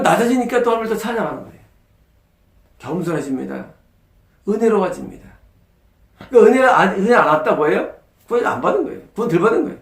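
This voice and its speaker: A man's voice: high voice, creaky, roomy sound. A male pastor preaching a sermon, asking rhetorical questions and answering them with emphasis. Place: church sanctuary.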